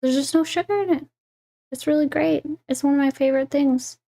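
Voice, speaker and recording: A woman's voice: high-pitched, vocal fry, dark tone. A young woman hosting a casual livestream, talking in a meandering way with restarts and eager enthusiasm about the food she shows. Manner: slow, meandering, restarts mid-phrase. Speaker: lifestyle host.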